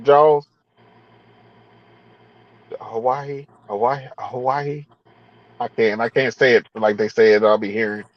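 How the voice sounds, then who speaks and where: A man's voice: lowish voice, brisk, few pauses, no echo, highs cut off. A man hosting a casual car chat, laid-back and drawn out, repeating his phrases. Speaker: host.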